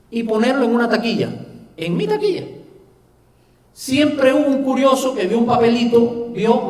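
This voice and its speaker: A man's voice: high voice, mellow. A middle-aged man with a Cuban Spanish accent, preaching a sermon in a conversational way with rhetorical questions. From Cuba. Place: church hall. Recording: echoey hall from far off.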